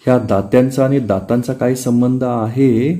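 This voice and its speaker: A teacher with a Marathi accent explaining a textbook chapter, reading passages of dialogue aloud and then explaining them plainly. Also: male voice, medium pitch, steady tone, normal speed, dark tone.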